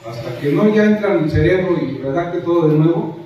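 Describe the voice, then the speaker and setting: A man's voice: on the high side, animated, brisk, mellow. A man on a panel, musing aloud and posing rhetorical questions to the room. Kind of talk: panel remarks. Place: large auditorium. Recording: dull, echoey hall, far from the mic.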